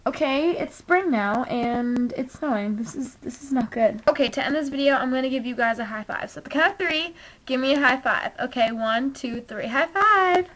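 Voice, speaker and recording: Rambly young woman vlogging at her desk, kinda high voice, bit of hiss on the camera mic. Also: a little fast. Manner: chatty, rambling, stumbles over words. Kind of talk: casual chat to camera.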